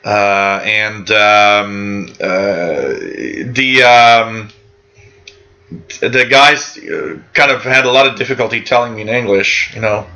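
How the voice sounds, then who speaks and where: A man whose first language is French hosts a live radio hobby show, casually chatting with viewers and reading their comments in a rambling, friendly manner full of fillers and restarts. His lowish voice is slow and sharp in tone, and the recording sounds muffled.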